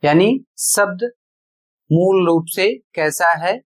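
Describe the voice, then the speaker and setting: Speaking slowly in a steady, medium-pitched tone, the teacher runs a classroom-style pronunciation lesson. Each rule is broken down step by step with rhetorical questions, and words are spelled out letter by letter.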